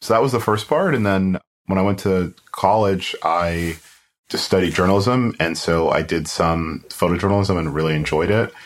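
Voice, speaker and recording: A young man from South Florida, a photographer guest, chatting casually in a relaxed, rambling way, full of "like". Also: low-pitched, moderate pace. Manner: relaxed, rambling, heavy use of "like". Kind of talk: casual interview chat.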